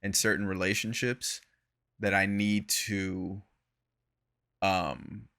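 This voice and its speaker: A man's voice: low voice, level tone, slow, vocal fry, bright, forceful tone, smooth. A young man co-hosting a podcast in casual chat, laid-back and slangy, laughing often and trailing off. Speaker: podcast co-host.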